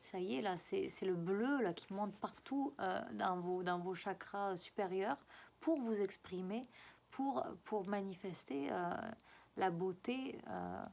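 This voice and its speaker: A woman with a regional French accent talks listeners through a spiritual guidance reading. Her voice sits at a middling pitch. She coaxes gently and repeats phrases, often pausing to find the next word. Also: gravelly. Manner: coaxing and repetitive, often halting to search for words. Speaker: spiritual guide giving a card reading.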